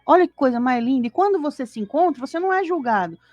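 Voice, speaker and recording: A woman's voice: high voice, expressive, fast, darkish tone, no echo, faint music behind. A Brazilian woman co-hosting a spiritist study, talking animatedly and acting out little scenes. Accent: Brazilian Portuguese. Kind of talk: casual religious study talk. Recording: dull lo-fi dry sound.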